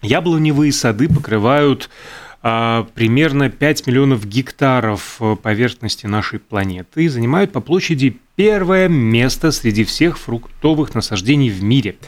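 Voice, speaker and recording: A male co-host in relaxed chat, reeling off fun facts. He stumbles over words, fixes them as he goes and fills gaps with hesitant sounds. His voice sits at an ordinary middle pitch. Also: moderate pace. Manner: chatty, hesitant with fillers, self-correcting. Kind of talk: casual chat reading out trivia.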